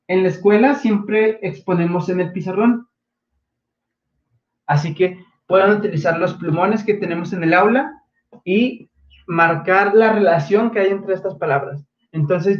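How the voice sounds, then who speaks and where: A man with a Mexican Spanish accent teaches his young pupils over a livestream, speaking patiently and breaking up his sentences with frequent fillers. His voice sits a little high for a man. The audio is dull and lo-fi. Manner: halting, many fillers like "eh" and "este"; patient, gently instructive. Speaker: primary school teacher.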